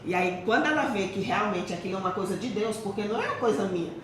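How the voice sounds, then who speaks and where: A woman's voice: medium pitch, expressive, fast, slight background noise. Affirming Brazilian woman in an echoey room. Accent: Brazilian Portuguese. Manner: warm, affirming, tag questions. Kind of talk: casual faith conversation.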